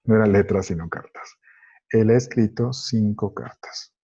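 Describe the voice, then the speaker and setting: A man whose first language is Spanish, teaching an English grammar lesson, slowly working through each example step by step. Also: fairly low pitch, fairly even intonation, warm tone, breathy edge. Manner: slow, methodical, explains step by step. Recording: dull lo-fi recording.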